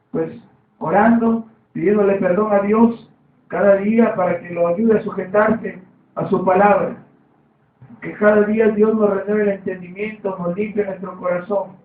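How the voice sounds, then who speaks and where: A man with a high voice preaches a sermon, circling back to the same points and prompting the room with amens. He sounds distant and roomy, as if heard through a narrow, phone-like line from the back of a church hall. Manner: repetitive, calls for amen.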